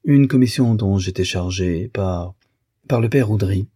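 A man's voice: lowish voice, unhurried, warm tone, husky, no echo, studio quality. Man doing a blustering, evasive husband. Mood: flustered. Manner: evasive, flustered protests.

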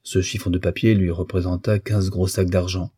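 A man reading a classic novel aloud in measured, even narration. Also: deep voice, breathy edge, no echo, studio quality. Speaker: audiobook reader.

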